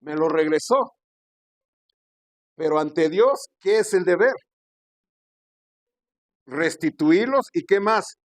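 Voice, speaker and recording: A man's voice: lively intonation, dry recording, low-quality recording. A male pastor preaching a sermon, asking rhetorical questions, adding "¿verdad?" after phrases and calling his listeners brother. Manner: slows and rises in pitch on key scripture phrases.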